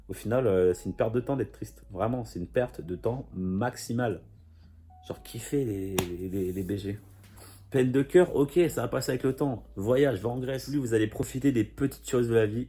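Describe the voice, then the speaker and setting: A man's voice: on the low side, warm tone, slightly rough. A young man vlogging, chatting casually and encouragingly to his viewers in a rambling, upbeat way. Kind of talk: casual motivational talk to camera.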